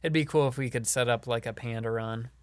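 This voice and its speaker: This Illinois man, a comedian and show producer, is a podcast guest chatting casually, rambling with plenty of fillers and frequent laughter. His mid-range voice moves a little fast with fairly even intonation.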